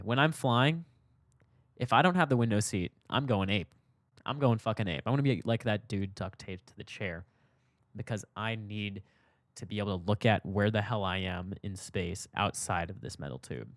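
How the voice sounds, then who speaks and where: A young man hosting a podcast, telling a personal story in a candid, reflective way, his voice jumping up for emphasis and dropping low for asides. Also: dry recording. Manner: reflective, candid, swings between loud emphasis and soft asides. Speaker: podcast host.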